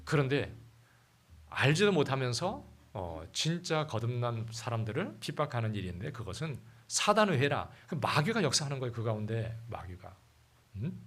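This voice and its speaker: A man's voice: mid-range voice, sing-song, moderate pace, fairly bright tone. A man preaching a sermon in a church, talking with the congregation, asking them questions and reading scripture aloud. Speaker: pastor.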